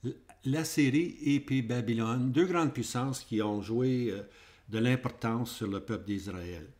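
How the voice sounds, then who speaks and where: A man's voice: medium pitch, a little slow, darkish tone. A man with a Québécois French accent teaching a Bible prophecy lesson over maps, repeating points and checking in with the class. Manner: repetitive, checks in with "hein?" and "ok?".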